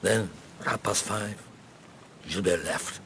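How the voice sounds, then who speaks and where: An actor in a radio drama playing an avuncular, world-weary middle-aged police inspector who speaks in a measured, halting way. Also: male voice, fairly low pitch, a bit bright, a little hiss or hum. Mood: grim, deliberate.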